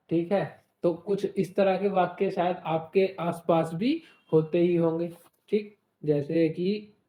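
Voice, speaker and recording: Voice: medium pitch, warm tone, reverberant, slight background noise. A Hindi teacher leading an exam-prep class, explaining with everyday examples, asking questions and checking in often. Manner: asks rhetorical questions and says "ठीक है" often.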